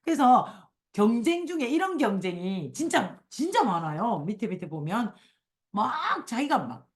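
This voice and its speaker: A woman's voice: a little high, measured pace. A woman hosting a casual book discussion, reading passages aloud and acting out quoted complaints. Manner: animated, acts out quoted complaints in a raised voice. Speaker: book club host.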